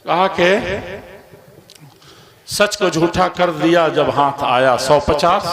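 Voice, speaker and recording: Male preacher, high voice, emphatic then hushed, live audience audible. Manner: rises to loud emphatic lines then drops low. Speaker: Islamic preacher. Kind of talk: sermon.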